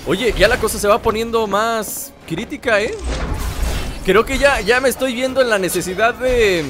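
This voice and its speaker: A man narrates his gameplay in an easygoing let's-play style. He playfully heckles the enemies with mock insults as he goes. Loud game music plays behind him the whole time. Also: extremely high pitch, moderate pace. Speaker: gameplay commentator. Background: game music and sounds.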